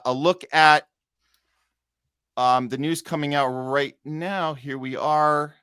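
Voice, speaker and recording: A man hosting a news countdown show, reading stories haltingly and dropping in sardonic commentary. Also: medium pitch, fairly bright tone, no echo, clean studio sound. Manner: sardonic asides.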